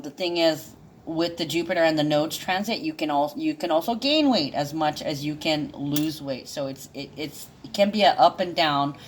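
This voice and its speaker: A woman's voice: sits low, a little hiss or hum. A woman giving a casual, rambling astrology reading, full of fillers and restarts and now and then chuckling. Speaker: intuitive astrology reader. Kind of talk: casual monologue.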